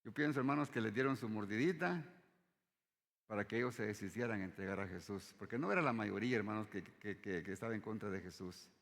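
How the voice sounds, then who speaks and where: A man preaching a sermon in a church, his voice carried by a long hall reverb. He keeps addressing the congregation as brothers, rising on key words and sinking low at the ends of phrases. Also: fast talker. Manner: repeats "hermanos" often, dropping his voice low at phrase ends.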